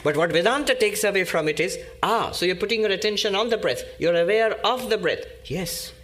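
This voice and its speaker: A man giving a spiritual discourse as a monk, teaching slowly and emphatically with pauses and repetition. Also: high-pitched, expressive, fairly bright tone.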